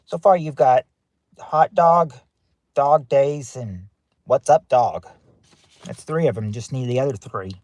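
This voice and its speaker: A man's voice: medium pitch, takes it slowly, long pauses, darkish tone, dry recording. Upbeat man hosting a livestream game. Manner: upbeat, reads answers and greets chat viewers by name. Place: in his car parked outside a courthouse.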